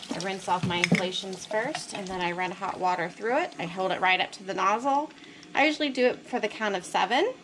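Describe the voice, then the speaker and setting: In a casual how-to, a homesteader with a mid-range voice walks through her kitchen routine at the sink step by step, talking plainly and practically with fillers while she works. The camera sits above the sink, and running water can be heard behind her.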